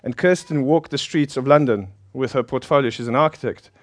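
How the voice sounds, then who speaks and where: A man's voice: medium pitch, brisk, no room sound. A middle-aged man from South Africa with a South African accent, Polish by birth, preaching informally with a chatty, self-deprecating manner and frequent laughter. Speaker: pastor.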